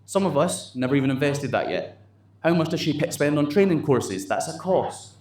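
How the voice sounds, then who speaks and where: A man's voice: a little high, lively intonation, normal speed, darkish tone. Blunt man rallying his staff. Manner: blunt and motivational, swears casually. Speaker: manager leading a staff meeting. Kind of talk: addressing staff at a company meeting. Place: office meeting room, indoors. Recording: roomy echo with faint background noise.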